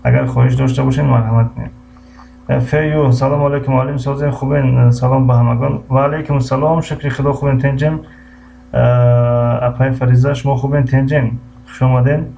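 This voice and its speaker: A man with a Tajik accent teaching English on a live stream, repeating each word slowly and greeting viewers by name. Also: medium pitch, fairly even intonation, gravelly, mellow. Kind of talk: live-streamed language lesson. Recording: muffled lo-fi stream audio with faint hum.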